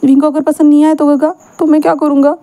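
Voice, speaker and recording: A woman's voice: flat delivery, quick pace, warm tone. A woman voicing a tearful young man in love who is crying and pleading in panic, repeating himself. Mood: anxious pleading. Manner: sobbing, repeating himself in high pleas.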